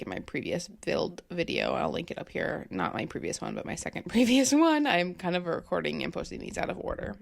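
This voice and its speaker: A woman's voice: fairly low pitch, creaky. A young woman, rambling casually and with self-deprecating humor in a voice-over about her game build. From American Midwest. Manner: rambling, chatty, self-deprecating, lots of fillers. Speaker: game content creator.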